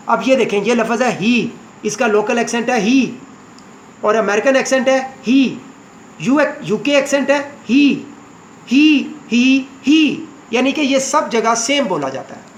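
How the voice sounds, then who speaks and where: High-voiced man teaching English. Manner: repeats words over and over for practice. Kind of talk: spoken English lesson. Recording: echoey room with faint noise.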